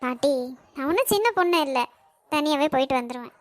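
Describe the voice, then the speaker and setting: A defiant young woman, curt and resentful toward her family, played by a woman for a homemade cartoon. She talks with a Kanyakumari Tamil accent in a high voice. The sound is dry and close. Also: animated, fast talker, no room sound. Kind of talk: amateur cartoon voice acting.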